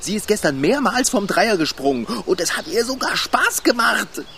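A man's voice: sits high, animated, normal speed, vocal fry, sharp tone, a little hiss or hum, full character voice. A man voicing a timid, panicky character afraid of heights in a radio play, talking in an anxious, whiny way.

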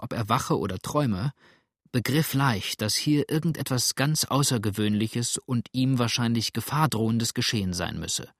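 A man narrating a classic novel in an expressive storytelling manner, recorded close to the mic. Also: medium pitch, no room sound. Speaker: audiobook narrator.

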